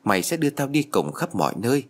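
A man voicing a faceless dead schoolgirl ghost who speaks slowly and insistently in a low, husky voice. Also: very animated. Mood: eerie pleading.

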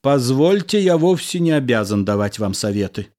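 A man's voice: medium pitch, very animated, moderate pace, darkish tone, close to an everyday voice. A man reading the part of a gloomy, cornered lover who mutters and offers himself up dramatically. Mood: sullen. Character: sullen, cornered male lover in bed. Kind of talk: audiobook character reading.

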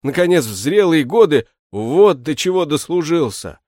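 A man's voice: sing-song, moderate pace, no room sound, clean studio sound. A man doing a whining shoemaker servant. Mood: pleading lament. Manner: plaintive, pleading, high and loud. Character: whining put-upon male shoemaker servant. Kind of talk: audiobook character reading.

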